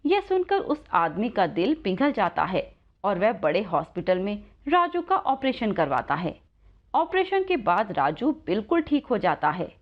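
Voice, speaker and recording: A woman telling a moral story with lively, expressive narration. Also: medium pitch, unhurried, dull audio.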